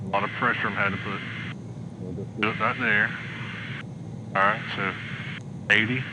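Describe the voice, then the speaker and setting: A man flying a small plane, talking over a cockpit headset intercom, calmly coaching a young student step by step and making radio calls. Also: fairly low pitch. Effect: pilot talking over a cockpit headset intercom. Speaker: pilot instructing a young student. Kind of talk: in-flight instruction and radio calls. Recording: noisy cockpit headset audio. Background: engine drone.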